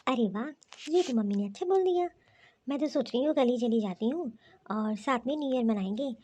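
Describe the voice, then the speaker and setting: Selfish young wife from a cartoon story, stubborn and insistent in every line, with a woman acting her out. Her voice is high-pitched but mellow in tone. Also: lively intonation, brisk, no echo.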